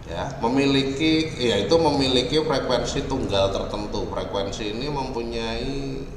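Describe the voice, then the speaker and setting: Man, university lecturer, slow explaining tone, roomy reverberant sound, faint background hum. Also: mid-range voice. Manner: explains slowly, with frequent "ya" tags. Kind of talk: online music software lecture. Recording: echoey, reverberant room, faint ambient noise.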